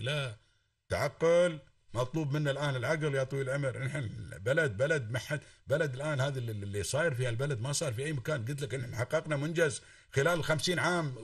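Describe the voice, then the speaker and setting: A man's voice: fairly high pitch, distant mic. A man with an Emirati Arabic accent speaks at a breakneck pace, pressing his point with one oath after another. He sounds set back from the microphone, in a dry space with no echo. His tone is a fervent call-in lecture. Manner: fervent, swears oaths, lectures emphatically. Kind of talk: impassioned call-in talk.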